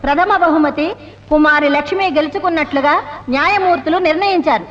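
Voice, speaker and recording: A woman's voice: high voice, fast talker, fairly bright tone, slight background noise. An actress playing a woman who formally announces prize winners at a dance contest, on a dull old film soundtrack. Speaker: competition announcer.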